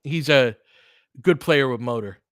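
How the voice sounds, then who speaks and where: Here an American man at medium pitch keeps a measured pace while hosting a fan stream's basketball play-by-play. He's conversational and analytical, often dropping into clipped phrases. Dry, studio-quality recording.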